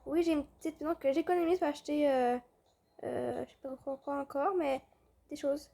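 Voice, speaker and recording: A woman's voice: high voice, fairly even intonation, normal speed, creaky, warm tone. A young woman, chatting casually over a game with fillers and restarts. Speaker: gaming video host. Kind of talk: casual gameplay commentary.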